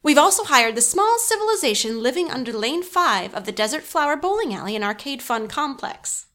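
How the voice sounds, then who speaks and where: An actress playing a smooth, sinister corporate woman hosting a radio show in an audio drama, coolly persuasive, with faint music behind her. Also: high voice, a bit bright, heavily acted.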